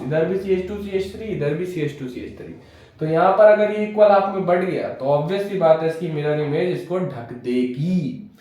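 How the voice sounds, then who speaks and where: Guy teaching chemistry, kinda high voice, quizzes the class then answers himself, big room echo. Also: darkish tone. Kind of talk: classroom lecture.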